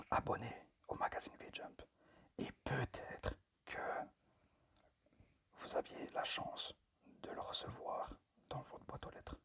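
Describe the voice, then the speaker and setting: This amateur ASMR creator, a man, talks in an almost voiceless, breathy whisper with a fairly bright quality. His presentation stops and starts often, tentative throughout, with an unpolished, apologetic air.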